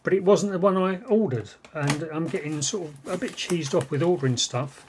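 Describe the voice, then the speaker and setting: A British man presents vintage cassette gear on his vlog in a casual, unscripted chat, musing as he goes. His voice is fairly high and moderately paced, with background noise.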